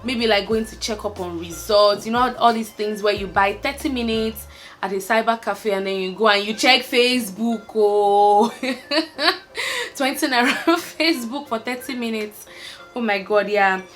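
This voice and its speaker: A young Nigerian woman from Lagos, a vlogger, chats candidly to camera while answering a tag list, laughing and trailing off with fillers. Her voice is fairly high and fairly bright, and she speaks a little slowly over soft background music.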